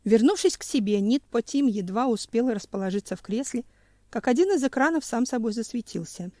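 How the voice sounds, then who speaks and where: A woman narrating an audiobook in an even, measured style. Her voice is mellow and dark, recorded dry and close to the mic. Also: on the high side, no room sound. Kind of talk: scripted narration.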